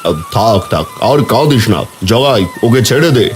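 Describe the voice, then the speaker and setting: A man's voice: mid-range voice, lively intonation, moderate pace, faint music behind, lightly acted. Man doing a kind, firm village headman. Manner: firm but kindly. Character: kind middle-aged village headman and fisherman.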